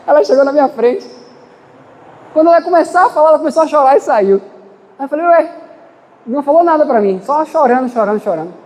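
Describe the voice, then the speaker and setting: A man's voice: very high-pitched, expressive, brisk, long pauses, a little mellow, big-room sound. A man preaching a sermon in a church, impassioned, with dramatic swings in pace and emphasis.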